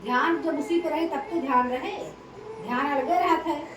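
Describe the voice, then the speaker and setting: A woman gently but firmly coaxing a child to read, soothing and urging by turns. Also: high voice, normal speed. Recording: echoey room, distant, noisy.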